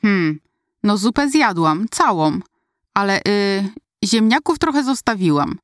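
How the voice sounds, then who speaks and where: A woman's voice: medium pitch, sing-song, measured pace, dry recording, studio quality. A woman voicing a frightened, sick eleven-year-old girl in a hospital, speaking weakly and hesitantly, in an audiobook reading. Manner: weak, hesitant.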